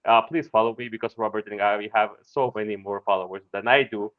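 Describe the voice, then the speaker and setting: A lower-voiced man co-hosts a live fan stream, self-deprecating and halting. His sound is dry and dull, like a lo-fi mic. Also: fairly even intonation, no room sound. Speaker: co-host of a fan show. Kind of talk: casual live-stream chat.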